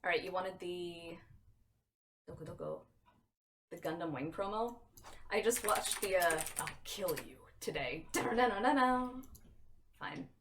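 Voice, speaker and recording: A woman's voice: fairly low pitch, measured pace, long pauses, noisy background. A woman hosting a livestream in casual, sweary, giggly watchalong chat. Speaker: livestream host. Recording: music playing behind voice.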